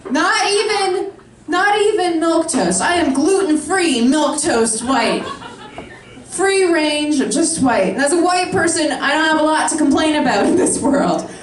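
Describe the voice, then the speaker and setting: A woman's voice: high voice, far from the mic. A woman in her thirties performing a brash, sarcastic stand-up comedy set. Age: 30s. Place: comedy club stage with a live audience. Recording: echoey room, mic heard from afar, crowd laughter. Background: audience laughing.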